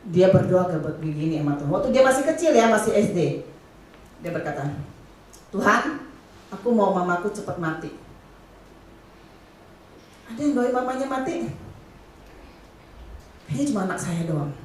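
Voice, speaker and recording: A middle-aged woman preaching a youth sermon, lively, firing questions at the crowd and playing a nagging mother. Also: medium pitch, fairly quick, pauses often, far from the mic, a little hiss or hum. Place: church hall. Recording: echoey hall, heard from afar.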